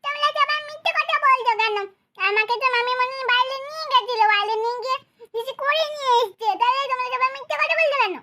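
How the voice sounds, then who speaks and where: A woman's voice: extremely high pitch, fast talker. Tublu, a woman doing a sleepy whiny little boy. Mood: protesting. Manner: soft, whiny, mumbling. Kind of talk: doll cartoon voice acting.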